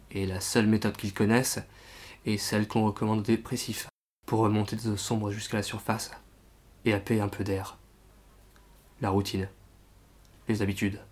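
A man narrating a first-person novel with an emotional, tearful delivery. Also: on the low side. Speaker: audiobook narrator.

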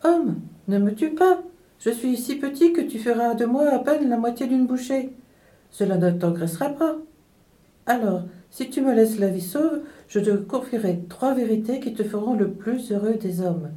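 A woman's voice: on the high side, normal speed, pitched above the performer's own voice, lightly acted. A woman voicing a clever little nightingale who teases a foolish man. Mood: teasing. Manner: lively, teasing.

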